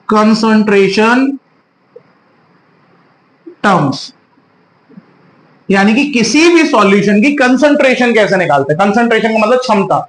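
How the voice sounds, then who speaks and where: A man teaching a chemistry class in with terms. He asks the students questions and answers them himself, and stretches out key terms slowly. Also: very high voice, echoey room, slight background noise, low-quality recording. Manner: drawn-out, slow spelling of key terms. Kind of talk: online class lecture.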